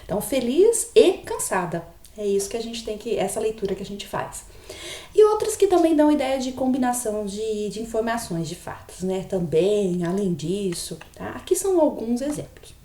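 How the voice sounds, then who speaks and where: A woman's voice: medium pitch, big pitch swings, moderate pace, warm tone, echoey room. A woman giving a logic lecture, patiently explaining and often checking in with her students. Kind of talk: recorded online lecture.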